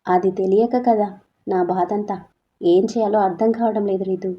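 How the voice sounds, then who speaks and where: A woman voicing a young wife who is hurt but stands firm, speaking softly and with resolve. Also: medium pitch, fairly even intonation, normal speed, natural voice. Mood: sad. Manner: soft, tearful, turning resolute. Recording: slightly dull lo-fi audio.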